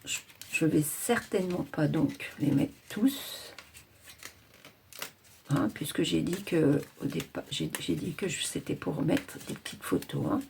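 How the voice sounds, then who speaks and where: A woman's voice: sits low, wildly swooping pitch, measured pace, gravelly, darkish tone, a little hiss or hum. A woman hosting a casual crafting tutorial, chatting and thinking aloud as she works.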